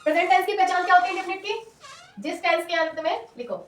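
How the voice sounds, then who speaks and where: A woman tutor with a sore throat, teaching loudly and drilling students through repetition. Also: very high-pitched, quick pace, a little hiss or hum. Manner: loud, repetitive drilling, call-and-response. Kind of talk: classroom lesson with call-and-response. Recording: echoey room, mic far off.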